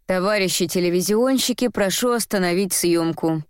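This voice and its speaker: A woman voicing a gruff, commanding male police lieutenant in an audiobook. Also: fairly low pitch, moderate pace, no echo, lightly acted. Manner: dry, commanding.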